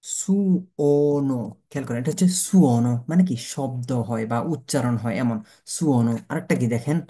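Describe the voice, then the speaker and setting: Man, language teacher, beginner lesson, warm mellow tone, spells words out, self-answered questions. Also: medium pitch, a little fast, slightly rough. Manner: asks rhetorical questions and answers them himself, spells words letter by letter.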